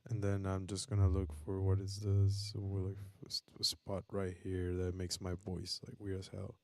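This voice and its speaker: A man's voice: low-pitched, completely flat delivery, normal speed, no echo. A man casually explaining vocal settings and beat-making on a live stream, rambling with many fillers and restarts.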